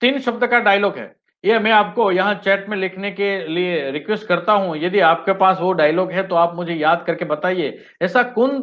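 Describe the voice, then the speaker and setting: Male trainer leading a live webinar, fairly high voice, lively and varied, keeps calling the audience friends, muffled lo-fi sound. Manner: addresses listeners as friends, often repeating "yes friends"; switches between Hindi and English sentences. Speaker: teacher trainer. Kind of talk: live online training talk. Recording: dull lo-fi webinar audio.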